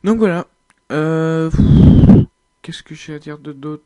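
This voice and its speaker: Hesitant man narrating gameplay, mellow voice. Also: on the high side, slow pace, smooth, dry recording, muffled recording. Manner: hesitant, thinking aloud with many fillers. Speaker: video game uploader. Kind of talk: casual gameplay commentary.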